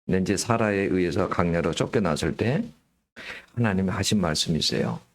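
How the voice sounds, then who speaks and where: A man with a lowish voice preaches a Sunday sermon in a church. He retells scripture in an easy, conversational way, tossing rhetorical questions at the congregation. He keeps calling out to the listeners directly. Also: lively intonation, fairly quick, gravelly. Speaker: pastor. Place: church sanctuary during Sunday worship.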